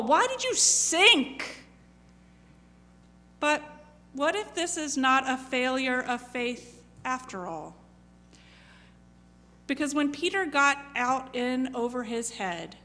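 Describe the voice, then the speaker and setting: A woman's voice: on the high side, fairly bright tone. Reflective woman preaching in a reverberant hall. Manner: reflective, asks many questions, acts out quoted lines. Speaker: pastor. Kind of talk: sermon. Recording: long reverb of a large hall.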